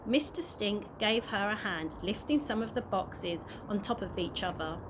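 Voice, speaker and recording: An early years practitioner reads a children's story aloud at normal speed in an expressive, medium-pitched voice. The amateur recording is slightly noisy.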